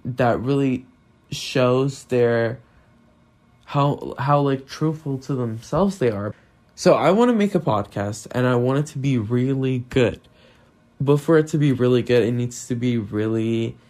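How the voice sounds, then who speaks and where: A man's voice: medium pitch, darkish tone. A nineteen-year-old man from Brazil talks through his worries in a solo podcast. He rambles, restarts and swears freely, packing his speech with fillers. It is recorded on his phone. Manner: anxious, rambling, swears a lot, many fillers. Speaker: podcast host.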